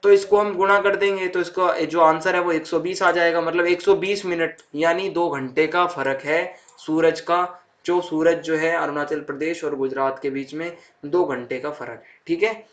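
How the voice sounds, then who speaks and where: A man's voice: a little high, fairly even intonation, moderate pace, fairly bright tone. A young man teaching a school geography lesson, going over each point again and checking in with the students. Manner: repeats points with "thik hai" check-ins. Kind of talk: explaining a textbook chapter to students.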